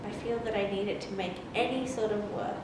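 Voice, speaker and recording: A woman's voice: mid-range voice, fairly even intonation, brisk. A woman vlogger chatting casually, sounding emotionally drained and down on herself. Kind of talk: casual vlog chat. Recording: very echoey room, loud ambient noise.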